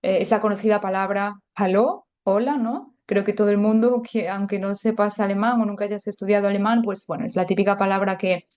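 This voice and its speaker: Mellow-voiced woman teaching a language. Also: mid-range voice, steady tone, fairly quick, hardly any pauses. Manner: chatty and explanatory, many filler words. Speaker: German teacher. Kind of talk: podcast language lesson.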